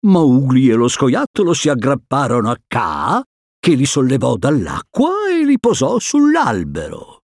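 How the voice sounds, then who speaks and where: A man reads a children's storybook aloud with a very animated, sing-song voice. He takes his time with the words. The recording is close and dry. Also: medium pitch, a little slow, no echo. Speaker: narrator. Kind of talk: storybook reading.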